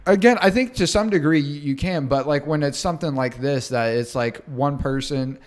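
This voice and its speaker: Smooth-voiced rambling man. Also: fairly high pitch, normal speed. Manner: rambling, full of fillers and hedges. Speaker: podcast co-host. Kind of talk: casual commentary.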